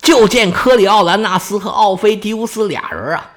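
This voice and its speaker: A man telling a Shakespeare story as a Chinese storytelling performance, in an animated, colloquial way with comic asides. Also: high voice, normal speed.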